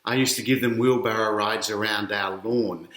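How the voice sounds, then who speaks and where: Reading a picture book aloud to children, a middle-aged Australian man chats with his young listeners, asking them questions and explaining things as he goes. His voice is fairly low, steady, and a bit bright, at a moderate pace. The indoor recording sounds roomy and echoey.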